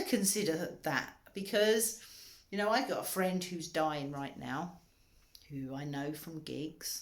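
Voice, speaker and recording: A middle-aged woman speaks in a fairly low voice, sharing a candid self-help talk with earnest feeling. She swings between urgent outbursts and hushed, almost whispered asides. The room around her rings with echo. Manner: earnest and emotional, rising to urgent, dropping to near-whisper. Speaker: wellbeing author and coach. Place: indoor room, moving around.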